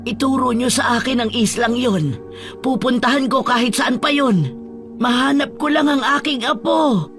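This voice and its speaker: A man's voice: extremely high pitch, moderate pace, fairly bright tone, faint music behind, pitched above the performer's own voice. A man voicing a frantic elderly grandmother who stammers and pleads through tears. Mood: desperate. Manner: panicked, stammering, crying pleas.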